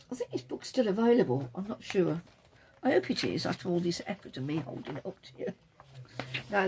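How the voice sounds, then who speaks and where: Gravelly-voiced chatty woman knitting host. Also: lowish voice, darkish tone, slight background noise. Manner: chatty and rambling, trailing off and correcting herself. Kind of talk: casual chat showing knitting patterns from a book.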